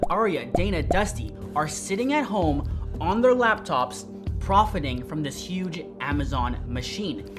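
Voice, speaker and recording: A man teaching how to start an online business, talking straight to camera in a direct, energetic way, with a slight whistle on his S sounds. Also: a little high, measured pace, music in the background. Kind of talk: tutorial to camera.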